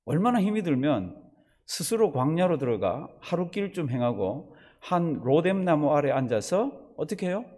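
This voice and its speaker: A male pastor delivering an animated sermon in a fairly high voice, his pitch rising and falling widely. He keeps asking the congregation questions and slips into other voices to act out scenes. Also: moderate pace. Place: church service.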